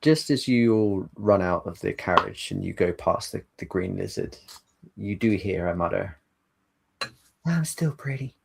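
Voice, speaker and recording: A man with a gravelly, husky voice, narrating a tabletop role-playing game as game master in a measured, descriptive way. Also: low-pitched, noisy background.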